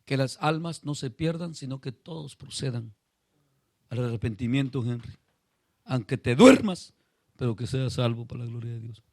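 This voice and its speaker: A pastor preaching a sermon to a small congregation, calling on listeners by name and asking them questions. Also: male voice, mid-range voice, steady tone, normal speed, a little mellow, no room sound, clean studio sound. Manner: retells a story acting out voices.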